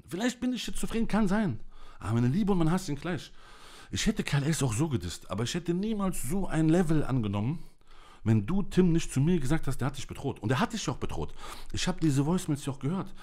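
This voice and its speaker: A man's voice: on the high side, darkish tone. A man delivering an angry, emotional monologue to camera, ranting in blunt, coarse language. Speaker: vlogger.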